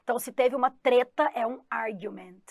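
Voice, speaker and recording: Brief: chatty exam-prep teacher, woman, Goiás accent, slightly high voice, close dry mic. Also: a little fast, no echo. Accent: Goiás Brazilian Portuguese. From Goiás, Brazil. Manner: lively, chatty, talks to students directly. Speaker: English teacher. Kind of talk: online exam-prep class.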